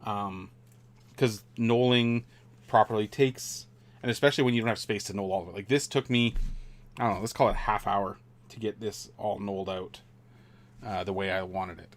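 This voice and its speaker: A man casually chatting on a live stream while building a model kit, rambling and relaxed with many fillers and restarts. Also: lowish voice, normal speed.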